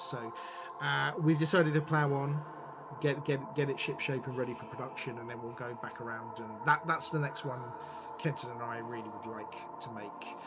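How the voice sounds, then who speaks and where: A middle-aged man who produces and directs audio dramas talks about his work as a podcast guest, chatty, playful and enthusiastic. His voice is medium-pitched and the recording is rough.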